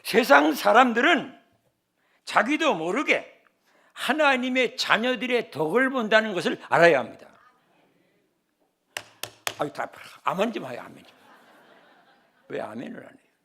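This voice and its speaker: An older man from the Chungcheong region, a senior pastor, preaching a sermon in an animated way and telling humorous personal stories. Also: high voice, unhurried, long pauses. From Chungcheong, South Korea.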